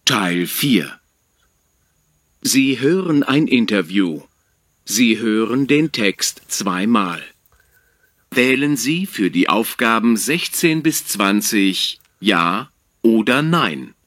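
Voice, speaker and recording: A male announcer reads the instructions of a listening exam slowly and formally. His voice is low, and the recording is dry and close. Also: animated, fairly bright tone, no room sound. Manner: slow, measured and formal. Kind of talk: slow scripted instructions.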